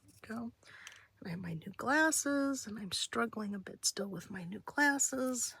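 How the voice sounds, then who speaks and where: A woman with a slightly high, expressive, creaky, somewhat bright and husky voice speaks unhurriedly as she hosts a craft session at her desk. A bit stuffy and nasal, she chats and thinks aloud in a hesitant, rambling way, interrupting herself.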